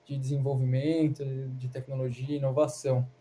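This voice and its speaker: A Brazilian man moderates a live webinar in a measured, even way. His voice is very dark and mellow, and his pitch barely moves. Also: a little hiss or hum. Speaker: host.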